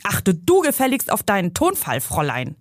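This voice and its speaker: A woman's voice: mid-range voice, wildly swooping pitch, normal speed, dry recording, clean studio sound. A woman reading aloud from her novel, voicing a grumpy, bossy old uncle who nags from the passenger seat. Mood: nagging. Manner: nagging, scolding commands.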